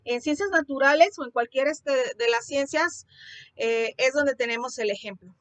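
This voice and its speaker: A woman teacher explains a music lesson to her students online, in a clearly high voice. She talks through her material step by step, restarting her phrases and filling her pauses. The recording is close and dry, with no room sound. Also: no room sound. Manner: explanatory, many fillers and restarts.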